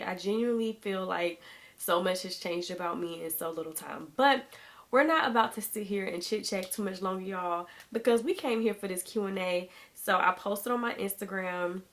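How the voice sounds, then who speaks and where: Getting over being sick, a thirty-year-old woman with a slightly sore throat chats casually to her vlog camera, addressing viewers as "y'all." Her voice is mid-range and fairly bright.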